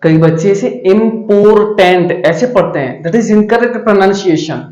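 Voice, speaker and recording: A man teaching grammar, asking questions and answering them himself, and slowing down to dictate each example sentence. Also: sits high, a little mellow, roomy sound, muffled recording. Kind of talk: classroom grammar lesson.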